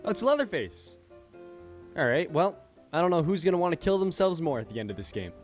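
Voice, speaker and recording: Lively young man cursing over gameplay. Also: fairly high pitch, brisk, soft background music. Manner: crude, swearing, self-mocking. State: losing his voice. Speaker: gaming YouTuber. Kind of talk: casual gameplay commentary.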